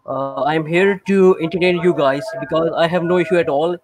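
A man's voice: on the high side, a little fast, noisy background. Hesitant young man on a video call. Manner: hesitant, many uh fillers, non-native grammar. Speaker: student participant. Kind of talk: casual online class chat.

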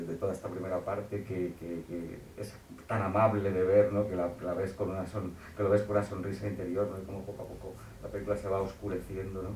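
A man's voice: sits low, darkish tone, slight background noise. A male interviewer asking long, hesitant questions with many restarts. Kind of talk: conversational interview. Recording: roomy, distant mic with faint ambience.

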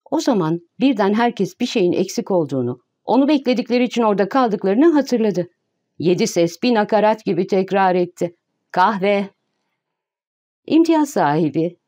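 A woman reading a classic novel aloud as an audiobook narrator, in a measured, even manner. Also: medium pitch. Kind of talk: scripted narration.

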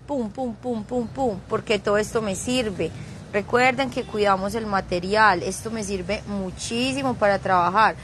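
A woman's voice: a little high, a bit bright, slight background noise. A woman leading a live craft tutorial, chatty and teasing, dropping playful sound effects as she works. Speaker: craft instructor streaming live.

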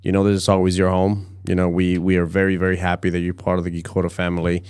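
Low-voiced man hosting a casual livestream. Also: completely flat delivery, quick pace, darkish tone, clear, resonant tone. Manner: repeats words and phrases. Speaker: host of a livestream show. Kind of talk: casual livestream chat and sign-off. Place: acoustically padded studio, indoors. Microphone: close podcast microphone.

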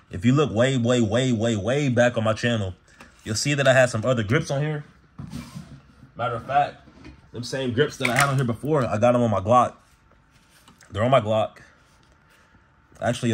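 A man with a husky, mid-pitched voice shows off gear to the camera. He talks in a casual, slangy, laid-back way, addressing viewers like friends as a channel host would. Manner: slangy, laid-back, peppered with "bro" and "y'all". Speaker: gun channel vlogger.

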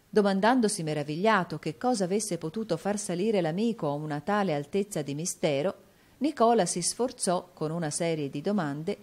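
A woman reading a classic novel as an audiobook narrator, in a steady, measured storytelling manner. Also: medium pitch. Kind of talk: scripted narration.

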